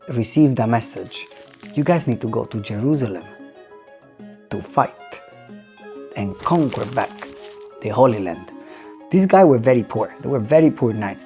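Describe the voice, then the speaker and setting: A man's voice: fairly high pitch, warm tone. Italian-accented man, joking storyteller, music underneath. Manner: informal, joking, theatrical quoting with loose non-native English. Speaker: presenter. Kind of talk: casual comedic storytelling to camera.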